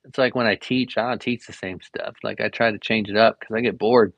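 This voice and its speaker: A young adult man chats on a live stream while he draws, an art teacher who rambles along with plenty of fillers. His voice carries a gravelly fry. The sound is dry and a bit dull, with no room around it. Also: fairly low pitch, fairly even intonation, a little fast, no room sound. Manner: rambling, easygoing, lots of fillers. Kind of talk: casual live-stream chat while drawing.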